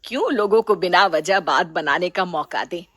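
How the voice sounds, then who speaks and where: A woman's voice: on the low side, normal speed, a bit bright, no echo. A woman voicing a kind, open-minded middle-aged mother-in-law in a storybook, patient and motherly. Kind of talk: storybook voice acting.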